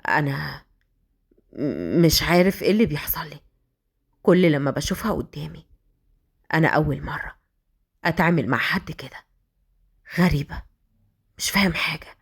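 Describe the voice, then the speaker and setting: A woman with an Egyptian accent voicing a moody young male company boss, speaking low and half-whispered. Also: a little fast, lightly acted. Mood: dazed murmur. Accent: Egyptian Arabic.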